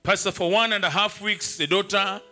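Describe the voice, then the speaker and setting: A man's voice: high voice, steady tone, normal speed, bright, forceful tone, soft background music. A man presents people's healing testimonies to the pastor in a plain, matter-of-fact way. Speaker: church helper presenting testimonies.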